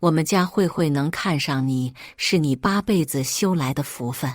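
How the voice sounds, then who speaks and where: A woman's voice: deep voice, moderate pace, dry recording, studio quality. A woman voicing an arrogant middle-aged father who belittles his daughter's groom with contempt. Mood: contemptuous. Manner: contemptuous, bullying.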